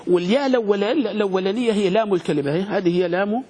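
A man teaching a grammar class, questioning his students and spelling words out slowly. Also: high voice, darkish tone. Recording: echoey room with long reverb, faint noise.

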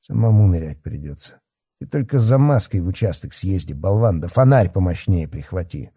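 A stern officer who takes charge, as a man reads him. Slightly raised, clipped and authoritative, with a husky, darkly mellow tone. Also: low voice, animated, moderate pace, dry recording, studio quality, exaggerated voice. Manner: stern, curt, commanding. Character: stern middle-aged police chief, calm authority.

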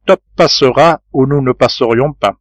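A man voicing a loyal, level-headed reporter in an audiobook, speaking earnestly and in a measured way. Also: medium pitch, no echo, natural voice.

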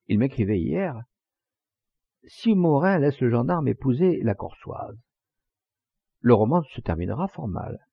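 A man reading the part of a talkative, enthusiastic gentleman with a declamatory manner. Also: medium pitch, big pitch swings, measured pace, vocal fry, pauses often, breathy edge, no room sound, full character voice. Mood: declaiming. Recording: dull lo-fi dry recording.

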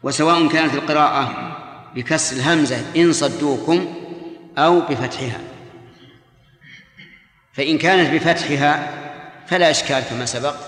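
A man's voice: on the high side, a bit bright. Man teaching a religious lesson in an echoey hall. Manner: measured and didactic, poses questions to students and answers them; addresses and corrects listeners directly. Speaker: Islamic scholar teaching a class. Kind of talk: classroom Quran commentary lesson. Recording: echoey hall with long reverb, archival lesson tape.

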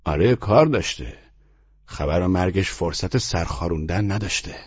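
A man's voice: sits low, expressive, husky, highs cut off. A man voicing a rude, weary young man who answers curtly and sarcastically in an audiobook story. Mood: gruff. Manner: curt, cursing, sarcastic.

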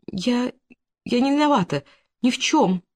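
A shy young village teacher in an audiobook, voiced above the reader's own pitch as a reader plays her. She sounds soft and wounded. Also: animated, measured pace, lightly acted. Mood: upset.

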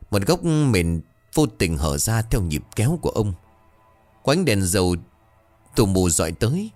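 A man narrating a horror story in a dramatic, measured way. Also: on the low side, a little mellow.

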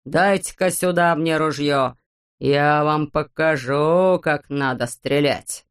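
A woman's voice: on the low side, smooth. Woman voicing a screeching bald tyrant. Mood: furious. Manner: screeching, drawn-out yelling, name-calling. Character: bald bossy greedy male landowner, hot-tempered. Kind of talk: audiobook character voice.

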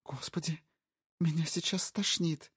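A shrill, high-pitched voice belongs to a terrified young wife held at knifepoint, as a male audiobook reader puts her on. She pleads and cries out in panic. The recording is dry and close. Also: steady tone, measured pace, slightly rough, dry recording. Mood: shocked.

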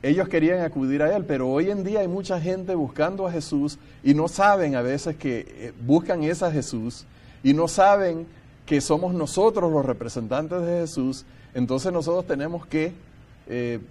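A man's voice: a little high, moderate pace, dark tone. A man leading a Bible study discussion, talking earnestly and thinking aloud, and sometimes reading scripture passages aloud.

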